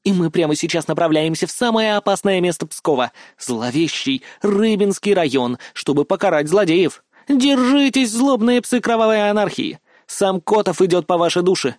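A squealing young woman vlogger bursts with forced excitement, her pitch leaping high as she hypes each line for the camera, as a male audiobook reader puts her on. The voice sounds close and dry. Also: normal speed, few pauses, no room sound. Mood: hyped. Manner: shrill, breathless on-camera hype. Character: excitable young female video blogger. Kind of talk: audiobook character voice.

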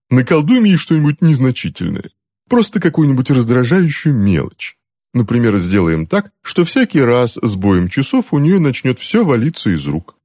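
A man voicing a cold, sardonic aunt who speaks slowly and coolly and mocks her husband. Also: medium pitch, dark tone, no room sound, studio quality, pitched above the performer's own voice. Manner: unhurried, cool, mocking. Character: cold, sardonic witch aunt reading a book. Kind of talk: audiobook character voice.

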